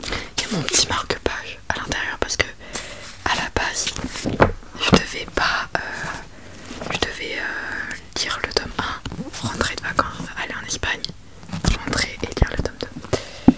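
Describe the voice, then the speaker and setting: A young adult woman chatting informally about books in a soft, breathy library whisper for ASMR, hesitant and often trailing off mid-phrase. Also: a little slow, long pauses. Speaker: ASMR book reviewer. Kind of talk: whispered ASMR book chat.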